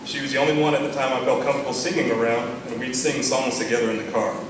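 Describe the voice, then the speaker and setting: A middle-aged American man from Texas gives a father of the bride speech at a wedding, sentimental and gently humorous in a measured delivery. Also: mid-range voice, little pitch movement, far from the mic. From Texas, United States. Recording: echoey room from afar, noisy.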